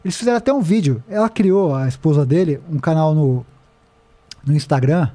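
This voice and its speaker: A man with a Brazilian accent, a podcast guest who tells a story in an animated way and quotes people as he goes. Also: fairly high pitch, fairly quick. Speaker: podcast guest, documentary director. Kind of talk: casual podcast conversation. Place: podcast studio.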